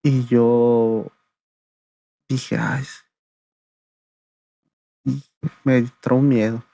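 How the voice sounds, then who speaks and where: A man tells his own story in an interview. His voice is gravelly, with little rise and fall in pitch. The sound is dry and close. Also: drawn-out words, no room sound. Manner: gravelly, flat storytelling, often adding "le digo" and "¿verdad?". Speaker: interview guest giving testimony. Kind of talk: conversational testimony.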